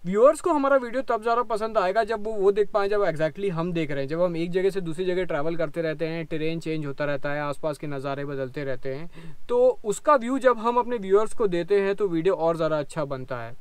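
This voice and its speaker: Man, thirties, high voice, dry lapel mic, step-by-step gear explaining in a car. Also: fairly quick, clean tone, no room sound. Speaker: vlogger. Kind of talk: explanatory vlog talk. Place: inside a parked car.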